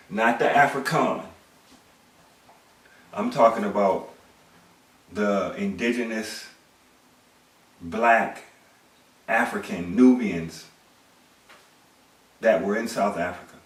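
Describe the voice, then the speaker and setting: Recorded at a distance in a room with echo, a middle-aged man with a voice on the low side delivers a forceful lecture as a commentator. He poses rhetorical questions and repeats words as he goes.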